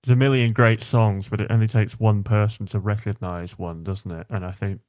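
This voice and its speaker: A man hosting a podcast, heard close and dry with no room around him. His voice sits low, and he winds through long, loose questions full of fillers. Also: steady tone, moderate pace, a little mellow, no room sound. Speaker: podcast host. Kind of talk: casual interview.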